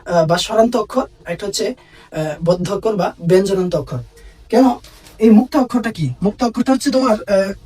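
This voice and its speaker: Husky high-voiced man teaching a grammar lesson. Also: darkish tone, recorded from a distance. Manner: repetitive, quizzing listeners with "ঠিক আছে?"; drags out example words slowly. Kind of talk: exam-prep lesson.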